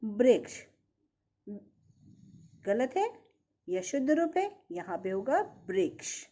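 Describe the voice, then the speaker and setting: A woman's voice: a little high, big pitch swings, slow pace, dark tone, dull audio. A woman teaching a recorded primary school lesson, patiently asking and answering her own questions.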